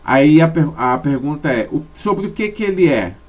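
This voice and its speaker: A man's voice: fairly high pitch, expressive, normal speed. A man giving a lecture over slides, explaining step by step with frequent tag questions and self-corrections. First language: Portuguese. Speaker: teacher.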